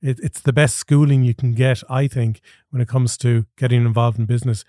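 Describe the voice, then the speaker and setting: An Irish man hosts an interview podcast with a mid-pitched voice. The sound is close and dry. He speaks in a conversational presenting style. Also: flat delivery, fairly quick, dark tone, dry recording.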